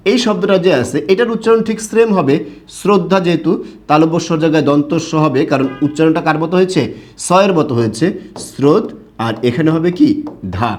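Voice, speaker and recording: A man teaching Bengali pronunciation in an online lesson, who asks the class questions, answers them himself and spells words out slowly letter by letter. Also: fairly high pitch. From Bangladesh.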